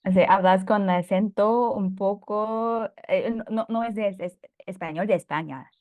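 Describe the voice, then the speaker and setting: A woman's voice: medium pitch, measured pace, phone-quality sound. A woman interviewing in a casual, conversational way, hesitating and repeating words as she checks in with her guest. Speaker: host and language learner.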